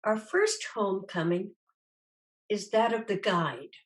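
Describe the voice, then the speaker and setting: In a guided meditation, a woman with a medium-pitched voice instructs gently and soothingly as the teacher. She takes her time, leaving long pauses between her words.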